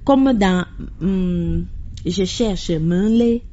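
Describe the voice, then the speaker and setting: A woman hosting a radio language lesson, slowly repeating words after a guest to learn their pronunciation. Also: fairly low pitch, warm tone, lo-fi sound. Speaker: radio host.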